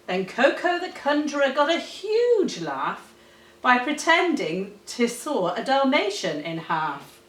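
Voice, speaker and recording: Woman, storybook read-aloud, very lively intonation, unhurried, dramatic delivery. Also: high voice. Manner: animated, dramatic, deliberate storytelling. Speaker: teacher reading a storybook. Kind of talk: expressive read-aloud of rhyming children's story. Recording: roomy, echoey, distant microphone.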